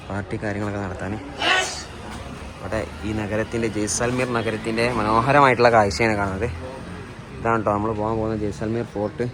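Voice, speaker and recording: A man's voice: fairly low pitch, noisy background. A man with a Malayali accent giving a casual walk-and-talk travel vlog, mixing English words into his Malayalam. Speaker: travel vlogger.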